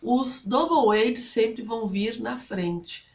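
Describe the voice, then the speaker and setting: A woman's voice: a little high, takes it slowly. A woman speaking Brazilian Portuguese, explaining English grammar rules to students step by step and often checking in with her listeners. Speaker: English teacher.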